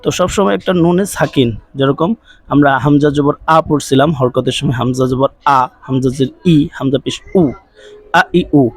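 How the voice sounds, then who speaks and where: A man's voice: mid-range voice, fairly even intonation, normal speed, no room sound, poor audio. A man teaching Quran reading in an online class, patiently drilling syllables over and over and asking listeners to repeat after him. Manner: repetitive drilling of syllables, rising on recaps.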